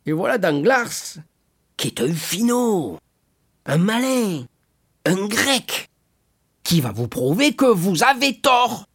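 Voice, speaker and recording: A man's voice: very animated, takes it slowly, pauses often, fairly bright tone, slightly rough, full character voice. A man voicing a boisterous drunken tavern companion in an audiobook reading, with a slurred, boastful manner and a raised voice. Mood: tipsy boasting. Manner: slurred, boisterous, high-pitched.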